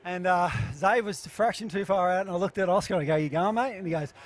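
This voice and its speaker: A man, a surfer telling about his heat in a relaxed, chatty way. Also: high-pitched, fast talker. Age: 40s. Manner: laid-back, chatty storytelling. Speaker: surfer being interviewed.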